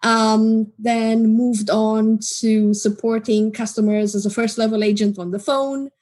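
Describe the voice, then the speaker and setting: A woman, a guest in an interview, explaining her work in a measured way. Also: a little high, flat delivery, mellow. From Romania. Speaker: guest, customer support team manager. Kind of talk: interview answers.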